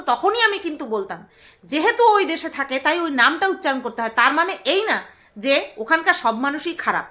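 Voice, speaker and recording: A woman rants to her viewers in a high, bright voice. She talks with open scorn, mocking her targets and firing rhetorical questions at them. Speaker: vlogger. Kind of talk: ranting commentary to camera.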